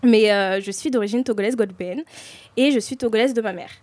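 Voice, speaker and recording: A woman's voice: on the high side, quick pace, a little mellow, no echo. Hesitant young woman, dry close sound. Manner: hesitant, many fillers. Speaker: discussion leader. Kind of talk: casual group discussion.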